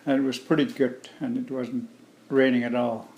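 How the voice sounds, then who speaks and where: A middle-aged man from Alaska, a native Yupik speaker, answering interview questions in a plain, measured way. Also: medium pitch, flat delivery, vocal fry, a little mellow, a little hiss or hum. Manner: slow, plain-spoken, measured. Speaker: interview guest. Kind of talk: relaxed conversational interview.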